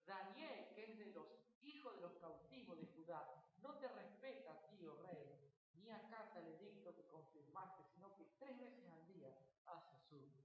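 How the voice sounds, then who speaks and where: A woman's voice: on the low side, expressive, normal speed. A woman preaching a Sunday sermon, reading scripture aloud emphatically, repeating key phrases and asking rhetorical questions. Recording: very echoey hall, faint background noise.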